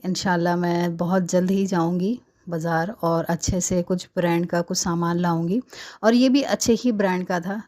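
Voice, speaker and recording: A woman's voice: fairly low pitch, a little mellow. A woman in her thirties narrating a recipe in her home kitchen in a chatty, casual way, with frequent filler tags. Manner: chatty, many fillers like "hai na". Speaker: cooking vlogger.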